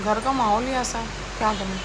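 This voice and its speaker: Moving briskly through her home kitchen and rooms, a young vlogger and mother chats casually and scolds her children from time to time. Her voice is fairly high, and there's noise in the background.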